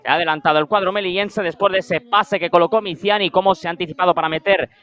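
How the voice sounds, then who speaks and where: A man's voice: high-pitched, fairly even intonation, quick pace, fairly bright tone, highs cut off, soft background music. A man with a Spain Spanish accent giving live play-by-play of a beach football match in short descriptive phrases. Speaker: sports commentator.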